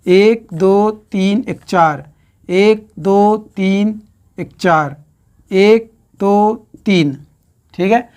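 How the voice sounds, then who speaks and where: Slow, methodical woman teaching phonetics. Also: medium pitch, darkish tone, clear, resonant tone. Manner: slow, repeats questions and answers to students; counts syllables aloud while writing. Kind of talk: recorded exam-prep lecture.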